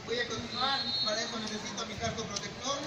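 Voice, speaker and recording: High-pitched, bossy Mexican clown man. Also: fairly even intonation, fast talker. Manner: silly clown, bossy, declamatory. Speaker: clown performer. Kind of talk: street clown comedy show. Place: outdoor park amphitheatre. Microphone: far camera in the audience. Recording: distant, echoey, noisy outdoor crowd. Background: loud crowd.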